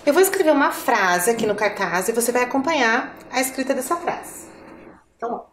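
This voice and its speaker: A woman's voice: on the high side, animated, a little fast, fairly bright tone, echoey room, a little hiss or hum. A woman teacher with a Brazilian Portuguese accent, giving a patient lesson to children and asking the viewer questions.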